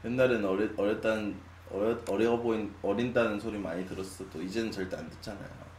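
A man of twenty-nine chatting casually with his stream viewers, musing with long sighs and drifting between loud and quiet. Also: lowish voice, steady tone, fast talker. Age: 20s. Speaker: live streamer. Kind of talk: casual late-night chat with viewers. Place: small room at a desk. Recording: echoey room, faint hum.

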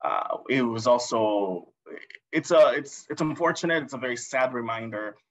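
A man's voice: mid-range voice, lively intonation, moderate pace. A man in his thirties from Guatemala, a panelist on a video call, speaking earnestly and repeating words as he searches for them. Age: 30s. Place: indoors, room with framed pictures. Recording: dull, muffled call audio.

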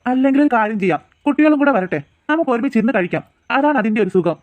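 A man's voice: extremely high pitch, lively intonation, dry recording, phone-quality sound. A man voicing an easygoing cartoon father who coaxes and teases his two daughters and his wife. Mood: teasing. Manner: jokey, coaxing, quick talk.

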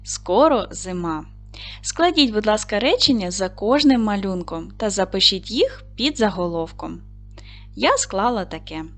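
A woman's voice: medium pitch, lively intonation, measured pace, a bit bright, faint music behind. A woman teacher talks patiently to young children in a lesson, speaking straight to them. Her voice rises and falls a great deal. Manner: patient, addressing children directly. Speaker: primary school teacher. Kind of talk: online lesson for second graders.

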